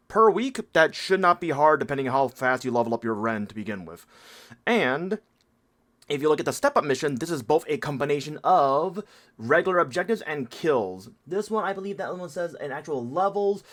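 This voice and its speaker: A man's voice: fairly high pitch, a bit bright. A man who is sick with a stuffy nose and a nasal voice, talking through a game event in a casual, rambling walkthrough and correcting himself as he goes. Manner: rambling, self-correcting, thinking aloud. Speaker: game guide creator.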